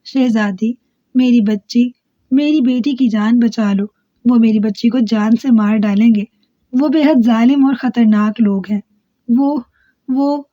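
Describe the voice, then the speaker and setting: A sly trickster disguised as an old woman, put on by a woman narrator, pleading and wailing in a phlegmy, quavering voice. The storybook crone sits a little high in pitch, with a mellow tone. The recording is close, dry and a bit dull. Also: fairly even intonation, no echo, lightly acted. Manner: wheedling, sobbing pleas.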